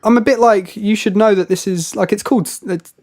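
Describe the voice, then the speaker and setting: A man's voice: sits high, fairly even intonation, fairly quick, darkish tone. A young man, a podcast co-host, rambling through a story in casual chat and swearing freely.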